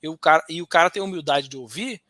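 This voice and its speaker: Lively bright-voiced man telling stories. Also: a little high, fast talker, a little hiss or hum. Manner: animated storyteller, slangy, acts out quoted voices. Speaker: host. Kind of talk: casual podcast chat.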